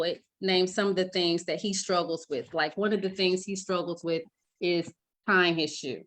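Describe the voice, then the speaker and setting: A middle-aged woman, an author answering interview questions in an earnest, warm way, often laughing lightly. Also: mid-range voice. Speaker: children's book author.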